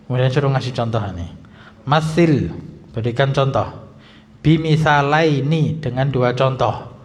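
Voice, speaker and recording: A male Islamic teacher giving a grammar lesson in a mosque, reading text slowly, then explaining briskly and quizzing his students. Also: mid-range voice, darkish tone, slight background noise. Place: mosque hall. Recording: dull lo-fi sound in a reverberant hall.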